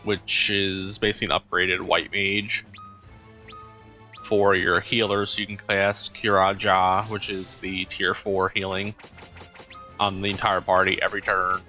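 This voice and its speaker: A man gives casual commentary while playing a video game, stopping often for ums and uhs as he thinks aloud. His voice is fairly low but bright and forceful. Soft game music plays behind him. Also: level tone, unhurried. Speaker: let's play host.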